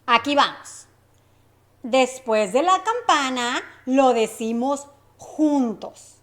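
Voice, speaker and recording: A woman teaching Spanish pronunciation on a podcast, modeling phrases slowly and carefully and checking in with the listener. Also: sits high, expressive, a bit bright.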